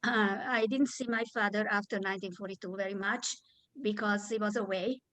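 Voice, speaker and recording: A woman's voice: medium pitch, steady tone, fairly quick, a bit bright, rough recording. Older woman from Hungary, hesitant. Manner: hesitant, with many fillers and throat clearing. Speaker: Holocaust survivor guest. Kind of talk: spoken testimony in conversation. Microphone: video call.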